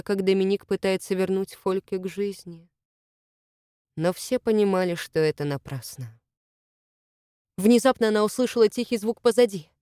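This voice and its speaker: A woman narrating an adventure novel in a steady, expressive reading style. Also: mid-range voice, clear, resonant tone, no room sound, studio quality. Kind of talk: audiobook narration.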